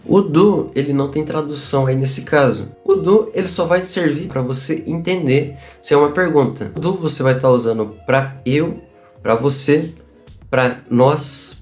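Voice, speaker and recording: A man's voice: fairly high pitch, darkish tone. Upbeat Brazilian man teaching English. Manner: upbeat, chatty, repeats examples slowly. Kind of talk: casual online lesson.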